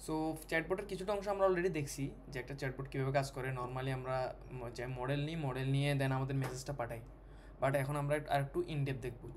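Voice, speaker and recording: A man's voice: medium pitch, slight background noise. A man teaching a programming lesson over a screen recording, thinking aloud with many fillers and restarts. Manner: code-switching, halting with fillers and restarts. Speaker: programming tutor.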